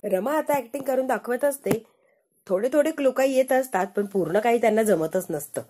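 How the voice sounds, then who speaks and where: A woman with a mellow, slightly breathy voice tells the story of a TV episode casually, scene by scene. She retells what happens in the present tense and reads every character's lines herself. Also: a little high, animated, a little fast. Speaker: narrator of TV serial episode recaps.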